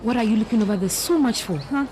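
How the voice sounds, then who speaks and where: A woman's voice: on the high side, expressive, fast, darkish tone, a little hiss or hum, natural voice. A woman dubbing a telenovela, playing an anxious young daughter who pleads and nags. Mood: nagging. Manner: pleading, then nagging. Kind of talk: dubbed telenovela acting.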